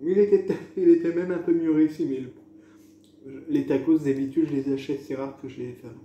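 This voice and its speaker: A man's voice: a little high, steady tone, normal speed, warm tone, roomy sound, highs cut off. Man chatting through a mouthful of food. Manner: chatty, loose and rambling. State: chewing food. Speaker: food vlogger. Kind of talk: casual home tasting vlog.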